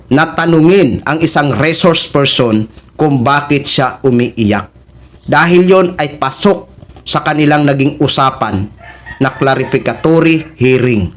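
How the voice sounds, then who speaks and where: A man's voice: on the high side, expressive, measured pace. A man, hosting a reaction video and speaking politely and casually to his viewers. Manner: polite, uses respectful "ho" and "po".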